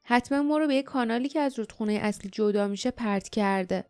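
Calm knowing young guy in an audiobook, quick and quiet, read by a woman, soft music underneath. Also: fairly high pitch, clear, resonant tone, close to an everyday voice. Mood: quiet explaining.

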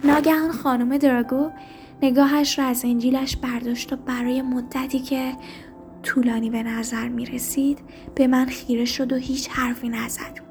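A woman reading a story aloud in a soft, hushed narration. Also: high voice, level tone, soft background music. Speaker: story reader.

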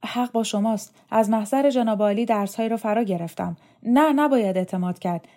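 A woman's voice: mid-range voice, warm tone, pitched above the performer's own voice, natural voice. A woman voicing a fawning, overly formal male dormitory head in an audiobook reading.

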